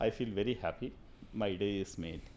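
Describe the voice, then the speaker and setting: A man's voice: fairly low pitch, fast talker, a little mellow. A man with a Tamil Indian accent telling stories conversationally as an interview guest, earnest and emphatic, repeating phrases to drive points home.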